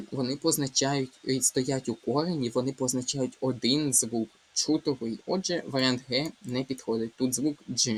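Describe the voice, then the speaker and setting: A young man talks through exam answers like a patient tutor, at an unhurried pace. His voice has a husky edge, and he reads each option aloud before breaking it down sound by sound. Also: medium pitch, fairly bright tone. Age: young adult. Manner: explains step by step, reading options aloud and slowly spelling out sounds. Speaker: Ukrainian language tutor. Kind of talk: exam walkthrough lesson.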